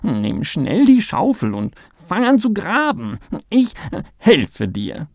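A man's voice: takes it slowly, vocal fry, no room sound, studio quality, exaggerated voice. A man doing an eager little mole. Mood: impatient. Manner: excited, pushy, high. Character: eager impatient young male mole.

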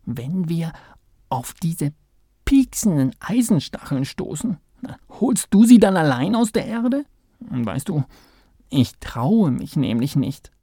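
A man's voice: a little high, sing-song, dark tone, husky, no echo, studio quality, pitched above the performer's own voice, heavily acted. A man doing a whiny little mole. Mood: timid. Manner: whiny, pleading, quick to sulk. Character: small anxious male mole, easily upset. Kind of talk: storybook reading.

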